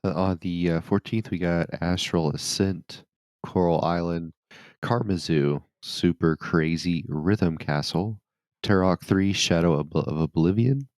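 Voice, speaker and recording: A man's voice: low-pitched, measured pace, darkish tone, no room sound. A man co-hosting a gaming podcast, reading a list of releases with dry joking asides. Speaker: podcast co-host.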